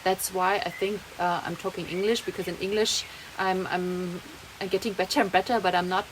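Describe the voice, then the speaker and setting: A young woman vlogger with a German accent rambles through a casual monologue, slipping German words into her English. Her voice is on the low side, steady and fairly quick, and she is chatty and laughs often. Rain and other background noise can be heard.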